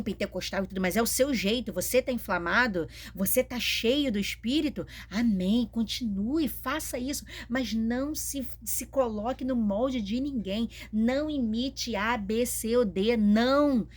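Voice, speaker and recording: A woman's voice: fairly high pitch, a little slow, hardly any pauses. A woman with a Brazilian Portuguese accent, preaching and teaching in an emphatic, repetitive style. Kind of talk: sermon-style teaching video.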